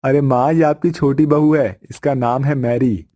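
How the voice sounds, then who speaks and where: A man voicing a brash, rude young husband in a cartoon story, calling out loudly in a raised, higher voice. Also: fairly even intonation, a little slow, close to an everyday voice. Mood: cheerful. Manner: loud, calling out.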